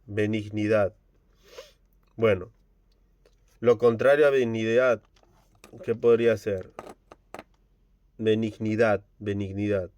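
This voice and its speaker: A man preaching a Bible study online, earnest and slow, dropping Japanese fillers between phrases. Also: lowish voice, steady tone, a little mellow, muffled recording. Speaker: pastor.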